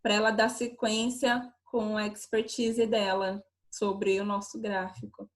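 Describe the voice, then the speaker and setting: A woman's voice: medium pitch, level tone, measured pace. A woman giving an online lecture over a video call, explaining with many rhetorical questions.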